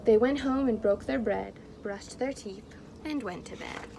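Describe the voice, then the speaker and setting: A woman teacher doing an interactive picture-book read-aloud for young children, expressive and encouraging. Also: a little high, unhurried. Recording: clearly noisy background.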